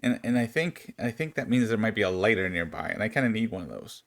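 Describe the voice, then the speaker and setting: A man's voice: lowish voice, expressive, fast, vocal fry. A man playing a tabletop game, talking hesitantly with repeated words. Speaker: player.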